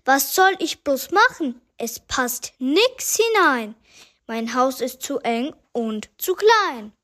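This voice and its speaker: Woman as an exasperated grandma, high and unhurried, lamenting in rhyme. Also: big pitch swings, a bit bright, full character voice. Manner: rhyming, exclaiming lament. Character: exasperated old grandmother, complaining. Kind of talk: rhyming story reading.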